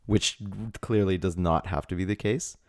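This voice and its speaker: A man's voice: sits low, fairly even intonation, normal speed, darkish tone, dry recording, studio quality. A man co-hosting a comedy podcast who rambles through ideas with plenty of fillers and keeps breaking into laughter. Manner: giggly, rambling, full of fillers. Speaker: podcast co-host. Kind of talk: casual comedic chat.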